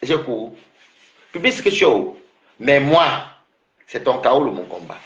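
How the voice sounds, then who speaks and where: A man's voice: mid-range voice, sing-song, measured pace, a bit bright, reverberant. A man taunting a rival on his livestream, repeating himself and laughing mockingly.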